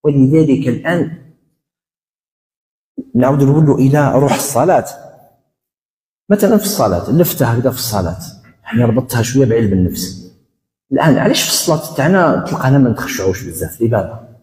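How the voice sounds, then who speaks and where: An Algerian man delivers a religious talk at a brisk clip, turning his points into small acted-out exchanges. His voice is dark and mellow, and it carries through a roomy hall with a long reverb tail. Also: mid-range voice. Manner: quick, animated, acts out little dialogues. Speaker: educational counselor. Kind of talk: religious lecture in dialect.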